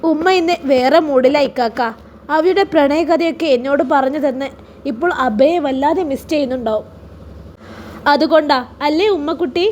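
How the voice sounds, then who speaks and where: A woman's voice: sits high, moderate pace, a little mellow, slight background noise, lightly acted. Woman voicing a worried young daughter. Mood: teasing. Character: young teenage girl, worried affectionate daughter.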